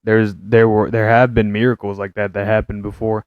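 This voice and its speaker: A young man co-hosting a casual podcast, rambling with lots of fillers and getting loud and excited. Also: on the low side, normal speed, smooth, dry recording. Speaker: podcast co-host. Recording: dull, muffled dry sound.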